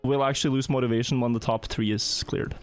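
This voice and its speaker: A man's voice: mid-range voice, fairly even intonation, fast, soft background music. A man hosting a live gaming stream, chatting casually and often repeating words as he talks. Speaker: streamer host.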